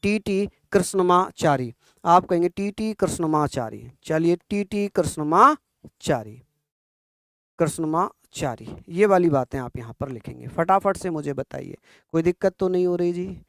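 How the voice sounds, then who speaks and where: Young male exam tutor, high-pitched, clear voice, fast drilling delivery, dry close sound. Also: expressive, no room sound. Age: young adult. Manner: fast, repetitive, quizzing listeners. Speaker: exam coach. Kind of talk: fast-paced online exam lesson.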